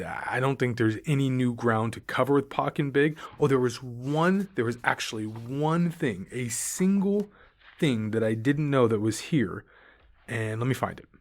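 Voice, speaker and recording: A man in his thirties hosting a podcast, giving casual, opinionated and rambling thoughts on a book he just finished. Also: mid-range voice. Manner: opinionated, rambling, dismissive asides. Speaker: podcast host. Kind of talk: casual solo book review.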